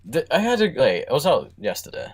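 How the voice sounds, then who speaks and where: A young man co-hosts a live-streamed podcast, joking and laughing as he tells stories. His pitch is lively and rises and falls a lot. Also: fast talker, slightly rough. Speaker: podcast co-host. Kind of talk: casual chat on a live stream.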